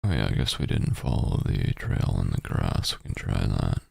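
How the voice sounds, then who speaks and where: Very deep, gravelly male game streamer. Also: expressive, normal speed, darkish tone, no echo, studio quality. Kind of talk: reading game text aloud with casual commentary.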